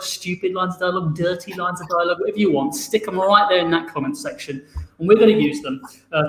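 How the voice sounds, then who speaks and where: A man's voice: sits high, a bit bright. A man hosting an improv comedy livestream, upbeat and laughing between words. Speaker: improv show host. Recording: echoey room with faint noise.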